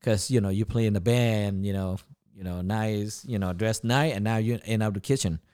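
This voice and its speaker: A clear, resonant, slightly mellow low voice belongs to a Thai chef of roughly fifty who is guesting on a podcast. He talks about his life casually at a normal speed, using non-native English grammar with a Thai accent.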